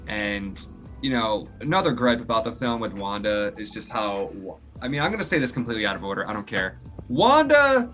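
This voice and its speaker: A man hosting a podcast, reviewing a film in casual chat, rambling and excitable with swearing. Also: fairly low pitch, fairly quick, faint music behind. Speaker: podcast host.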